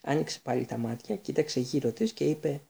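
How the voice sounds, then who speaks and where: A man reads a story aloud in a calm, measured voice. His tone is dark and mellow, with a gravelly edge. The delivery stays even and steady throughout. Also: fairly high pitch. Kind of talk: audiobook narration.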